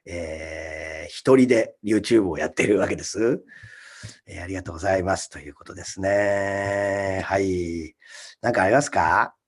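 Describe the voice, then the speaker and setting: A man hosting his own livestream alone, talking casually, ranting with rough scolding asides and reading out viewer comments. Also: sits low, normal speed. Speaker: comedian hosting a solo livestream.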